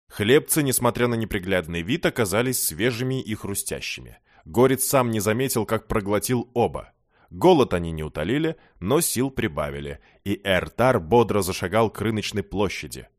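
A man narrates a fantasy audiobook in a lowish voice, even and measured. Irony slips into the telling without breaking its steady pace. The sound is dry and close, with no room around it. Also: no room sound.

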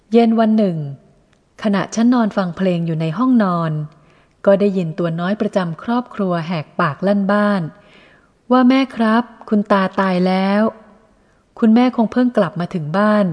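A woman reading a first-person literary story aloud in a measured, reflective way. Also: mid-range voice, a little mellow, in a large hall. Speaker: audiobook reader.

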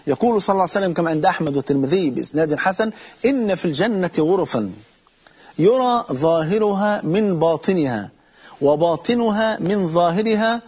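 A man preaching a sermon with an Egyptian Arabic accent, telling stories and speaking straight to his listeners, drawing out quoted lines slowly. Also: sits high, animated, darkish tone, slightly rough. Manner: storytelling with slow, drawn-out quotes; addresses listeners directly.

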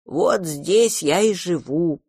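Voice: medium pitch, lively intonation, slow pace, creaky, darkish tone, breathy edge, dry recording, clean studio sound, full character voice. A reader voicing a huge, clingy monster child who talks in a tearful, pleading, childlike way in an audiobook. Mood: sleepy. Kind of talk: audiobook character reading.

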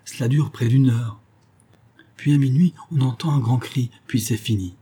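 A man voicing a frightened, boastful male miner who speaks in halting broken phrases. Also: warm tone, breathy edge. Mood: fearful. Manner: high, pitched up, halting broken speech.

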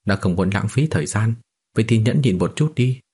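A man's voice: fairly low pitch, expressive, fairly quick, mellow, breathy edge. A man reading a silver-tongued young disciple. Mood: composed. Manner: composed, speechmaking.

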